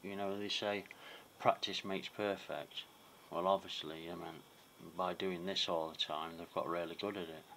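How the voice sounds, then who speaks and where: A man's voice: low voice, fairly even intonation, normal speed, hardly any pauses, a bit bright. A man chatting casually and hesitantly to viewers as a paranormal vlogger, murmuring and repeating himself, on a noisy home recording in a small room.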